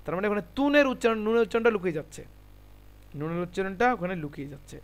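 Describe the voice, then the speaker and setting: A man with a high, clear, ringing voice gives a Quran reading lesson in a Bengali accent. He spells out letters and vowel marks one by one at a patient pace, then pulls them together into the full word. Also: expressive, racing. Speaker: Quran recitation teacher. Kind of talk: tajweed lesson.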